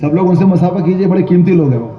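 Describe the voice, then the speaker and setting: A man's voice: high-pitched, slight background noise. A man preaching a sermon to a large gathering, telling stories, acting out the voices he quotes and putting questions to the audience. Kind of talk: religious sermon. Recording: echoey, distant, dull hall recording.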